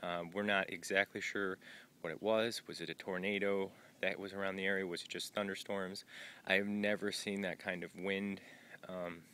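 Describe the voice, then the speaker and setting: A man's voice: sits low, little pitch movement, moderate pace, bright, forceful tone, smooth. A man filming an outdoor vlog at a trail shelter on a long hike, talking loosely with many fillers. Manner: rambling and informal, with many "uh" and "um" fillers. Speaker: thru-hiker vlogging his trail day.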